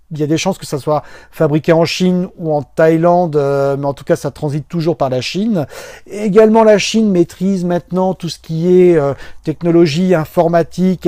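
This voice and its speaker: High-voiced man musing on football. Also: mellow, no echo, clean studio sound. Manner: speculative, musing, frequent hesitations. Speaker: football video commentator. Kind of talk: informal explanatory monologue.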